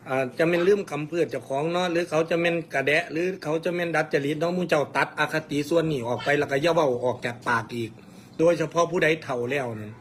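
A man's voice: on the high side, a little hiss or hum. Earnest man with an Isan accent. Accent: Isan, Khon Kaen area. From Isan, northeastern Thailand. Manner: earnest, lecturing viewers, plain-spoken. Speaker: mor lam performer answering comments on a livestream. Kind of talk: casual livestream chat.

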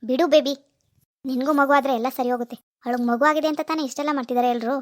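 A woman's voice: high voice, fairly even intonation, rapid-fire, dry recording, clean studio sound, natural voice. A woman voicing a doting, scheming middle-aged mother in a cartoon, who coaxes her daughter in a conspiratorial way. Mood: coaxing. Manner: coaxing, conspiratorial. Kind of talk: cartoon voice acting.

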